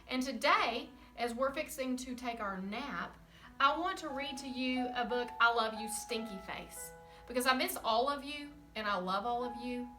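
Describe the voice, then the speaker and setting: Bright, gentle woman teacher. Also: fairly high pitch, recorded from a distance. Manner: gentle and encouraging. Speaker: kindergarten teacher. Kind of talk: remote lesson for young children. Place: home. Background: soft music.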